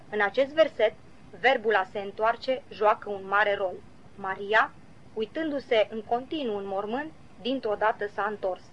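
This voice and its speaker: A woman reading a devotional Bible commentary aloud in a measured, earnest way, citing verses as she goes. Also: a little high, a bit bright, slight background noise. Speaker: Bible teacher. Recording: slightly dull lo-fi recording.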